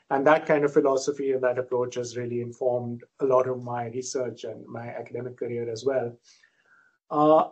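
A middle-aged Indian man, a visiting professor, gives a relaxed academic lecture, self-deprecating and full of fillers. His voice is medium-pitched and slightly rough, and the audio quality is poor.

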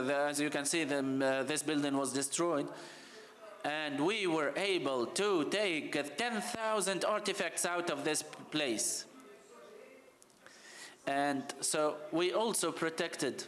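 A man from Libya gives a conference talk with slides, speaking passionately and urgently, halting often with fillers. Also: fairly high pitch, a bit bright. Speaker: heritage official presenting.

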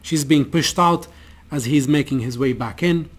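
Measured male lecturer, somewhat high voice. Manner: measured, deliberate delivery with occasional restarts. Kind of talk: academic lecture with reading from a novel.

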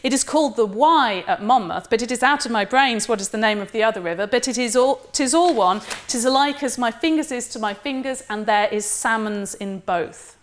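A woman reading out a fussy, earnest Welsh army captain in a Welsh accent, with quick, emphatic delivery. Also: fairly high pitch, close to an everyday voice.

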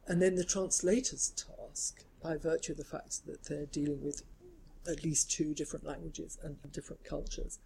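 A woman scholar talking in a measured, reflective way, building long careful sentences in an academic discussion. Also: low voice, vocal fry, mellow, rough recording. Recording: faint background noise.

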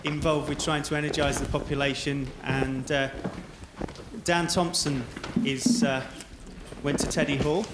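Man hosting a formal event: extremely polite, halting, even-toned, recorded in a reverberant, noisy room. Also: on the high side. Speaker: event host. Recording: echoey room with background noise.

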